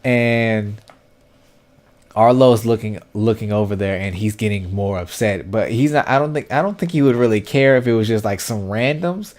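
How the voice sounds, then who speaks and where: A man's voice: lowish voice, moderate pace, a little mellow. A man recapping a comic episode in casual, opinionated commentary, talking loosely with lots of fillers and slang. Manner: conversational and opinionated, heavy on fillers and slang like "y'all" and "dude". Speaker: webtoon recap host.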